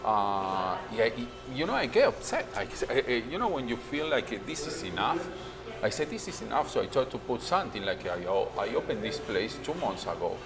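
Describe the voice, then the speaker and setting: A man's voice: medium pitch, a little fast. A man from Argentina with an Argentine accent and Spanish as his first language, a restaurant owner telling his story in a candid on-camera interview, peppering his English with "you know". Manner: non-native English, frequent "you know", animated retelling.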